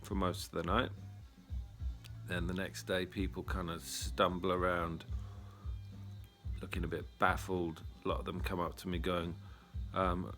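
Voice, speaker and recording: A man's voice: deep voice, little pitch movement, measured pace, long pauses, fairly bright tone, soft background music. A man, a retreat leader telling a story in a casual monologue, blunt, wry and full of swearing.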